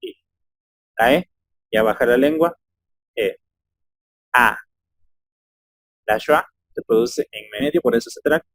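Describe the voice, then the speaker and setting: A man's voice: medium pitch, moderate pace, no room sound. A man teaching English phonetics in Spanish, explaining step by step and modeling sounds aloud one by one. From Ecuador. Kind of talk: phonetics lesson.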